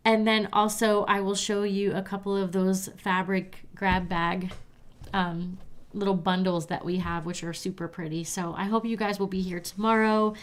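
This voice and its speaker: A woman's voice: mid-range voice, flat delivery, moderate pace. A woman with a stuffy, nasal voice hosting a live crafting stream, chatting with viewers and answering their comments. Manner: chatty, talks straight to viewers as "you guys".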